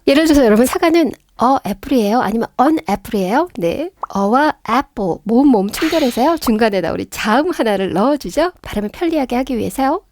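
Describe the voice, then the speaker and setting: A middle-aged woman teaching an online grammar lesson, often addressing viewers and asking questions that she then answers herself, slowing down to pronounce English examples. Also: on the high side, a little mellow, no room sound, studio quality.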